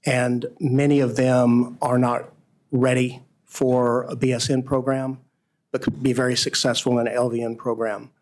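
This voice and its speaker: A man's voice: medium pitch, flat delivery, moderate pace, a little mellow. A man answering questions at a formal meeting as a school administrator, in an explanatory style.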